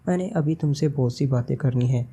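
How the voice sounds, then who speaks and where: A man's voice: medium pitch, warm tone, slightly rough. A man reading the part of a stern male secret agent who speaks in a cold, serious tone.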